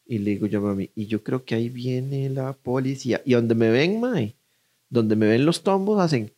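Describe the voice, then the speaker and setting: A man's voice: medium pitch, animated, normal speed, dark tone. A young man with a Costa Rican accent telling a story in casual chat, acting out voices as he goes.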